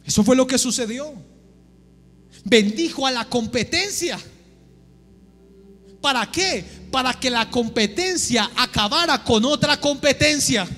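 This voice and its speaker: A man preaches in a very high, sharp voice, asking his congregation question after question. His voice rings out in a big, reverberant church hall. Soft music plays behind him. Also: lively intonation, unhurried, pauses often. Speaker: pastor. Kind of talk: sermon. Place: church sanctuary.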